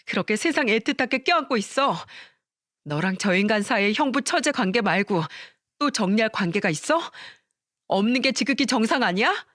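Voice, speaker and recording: Dramatized story: woman as an enraged betrayed wife, bitter and shouting, dry studio sound. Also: no room sound. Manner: shouting accusations, shrill and bitter. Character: betrayed wife, furious and sobbing.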